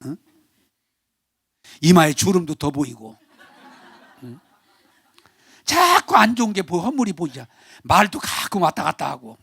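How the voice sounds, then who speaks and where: A male pastor preaching a Sunday sermon in Korean, animated, acting out quarrelling family members. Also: sits high, unhurried, creaky, pauses often, husky, no room sound. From South Korea. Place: church sanctuary.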